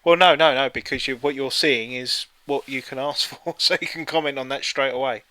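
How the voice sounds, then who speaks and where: A man's voice: mid-range voice, fairly even intonation, fairly quick, pushed and bright. A man co-hosting a casual live stream, joking and reading out listings. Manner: jokey, reads listings aloud in bits. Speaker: streamer co-host.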